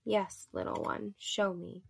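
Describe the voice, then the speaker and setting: A woman voicing a dominant but gentle adult male lover in an erotic story reading, speaking softly and low. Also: wildly swooping pitch, takes it slowly, creaky, husky, full character voice. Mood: tender, commanding.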